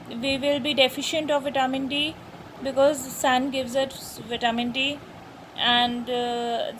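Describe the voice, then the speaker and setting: A woman teaching a lesson to young children, slowly repeating and spelling out words. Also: high voice, slight background noise, low-quality recording.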